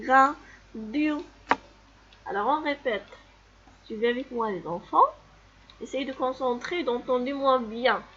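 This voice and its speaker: A woman's voice: fairly high pitch, dull audio, a little hiss or hum. A woman teaching a reading lesson to young children, patiently repeating each sound and word. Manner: slow, patient, repeats sounds and words for pupils. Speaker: primary school teacher.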